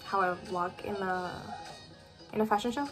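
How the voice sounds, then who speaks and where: A woman's voice: medium pitch, fairly even intonation, moderate pace, over music. Chatty teen girl rambling to webcam. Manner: chatty, lots of "like" fillers. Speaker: vlogger. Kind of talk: casual chat to camera. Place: bedroom at home.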